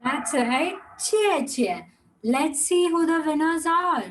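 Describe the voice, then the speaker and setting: A woman's voice: high voice, lively intonation, takes it slowly, a little hiss or hum, low-quality recording. A woman teaching an online Mandarin class, encouraging the students and explaining pronunciation. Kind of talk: online class quiz and wrap-up.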